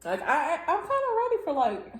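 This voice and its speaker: A woman's voice: extremely high pitch, huge pitch swings, a little fast. Woman chiming in with quips, echoey room. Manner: chimes in with short quips and laughs. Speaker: co-host partner. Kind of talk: casual chat.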